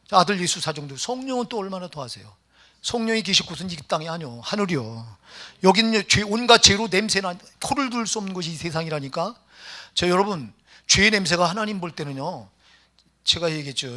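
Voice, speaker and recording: A male pastor preaching a sermon emphatically, firing rhetorical questions at the congregation and swinging between loud and hushed lines. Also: on the high side.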